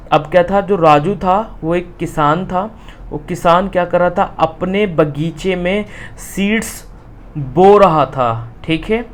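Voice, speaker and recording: A teacher leads a reading lesson, explaining English sentences in Hindi. They read each English line at an unhurried, word-by-word pace and keep checking in with the listener. A faint steady hum sits under the voice. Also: medium pitch. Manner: reads English slowly word by word, then explains with frequent "ठीक है".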